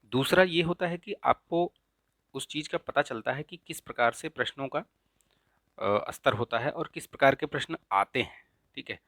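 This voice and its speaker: A man teaching an exam-prep lesson in a casual, explanatory way, often checking in with "ठीक है?" and slowly repeating correct spellings. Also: medium pitch, expressive, bright, forceful tone, no echo. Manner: frequent checks of "ठीक है?" and filler "अ"; repeats the right spellings slowly to stress them. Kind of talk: casual explanatory lesson, walking through a paper.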